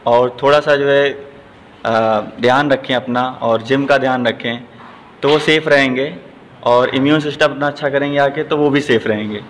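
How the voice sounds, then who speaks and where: Gym owner in an echoey gym. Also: male voice, mid-range voice, normal speed. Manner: plain, steady answers with frequent "ji". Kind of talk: news interview. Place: large indoor gym. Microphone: handheld news mic. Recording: long hall reverb, faint noise.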